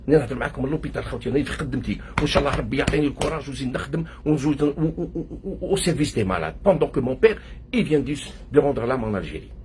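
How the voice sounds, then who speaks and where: A man's voice: medium pitch, slightly rough. A grieving man from Algeria with an Algerian accent, a doctor working abroad, speaking in an agitated, emotional monologue from the hospital where he works and often switching between Arabic and French. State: grieving, near tears. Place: hospital workplace.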